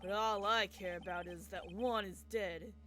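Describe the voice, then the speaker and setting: A woman's voice: mid-range voice, fairly even intonation, moderate pace, a bit bright, faint music behind, natural voice. Woman voicing a smug, sinister bro superstar villain. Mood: gloating, cold. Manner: gym bro drawl, menacing. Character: smug sinister young male superstar murderer with a bro drawl. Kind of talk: video game character read aloud.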